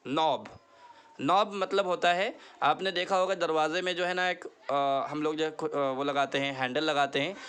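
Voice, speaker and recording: A man with a fairly high voice teaches an online lesson in Hindi and English. He says each word slowly and repeats it for the listener to echo. He earnestly urges them to practise every day. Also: fairly even intonation, a bit bright, smooth. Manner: earnest, pleading tone.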